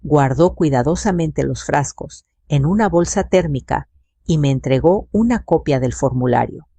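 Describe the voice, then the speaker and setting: An older woman narrating her own family drama in the first person, slow and hushed. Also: low voice, animated, husky, no echo. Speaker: storyteller.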